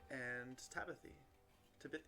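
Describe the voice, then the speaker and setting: A man's voice: medium pitch, normal speed, over music. A man hosting a tabletop game stream as game master, talking casually with many fillers and restarts. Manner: rambling, hesitant with fillers.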